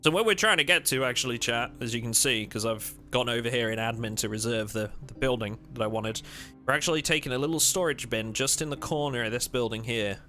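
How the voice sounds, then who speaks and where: A man's voice: medium pitch, fairly quick, sharp tone, soft background music. A man streaming a game live, talking casually and rambling to his chat as he plays.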